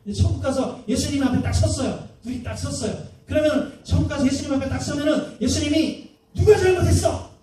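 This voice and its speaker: Male pastor, very high pitched, mellow tone, chatty sermon full of rhetorical questions; echoey church hall, mic at a distance. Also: fairly even intonation, fast talker, a little hiss or hum. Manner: conversational preaching, frequent rhetorical questions to the congregation. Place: church sanctuary.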